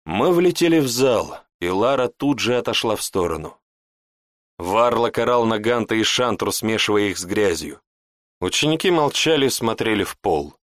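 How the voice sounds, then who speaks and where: A man narrating a first-person fantasy audiobook with expressive, dramatic intonation. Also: on the low side, normal speed, no echo, clean studio sound.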